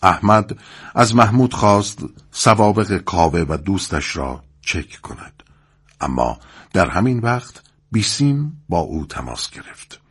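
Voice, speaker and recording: A man narrating a drama recap in a very deep, husky voice. His delivery is scripted and measured, yet his pitch moves lively through each sentence. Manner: measured storytelling. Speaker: narrator summarizing a drama episode.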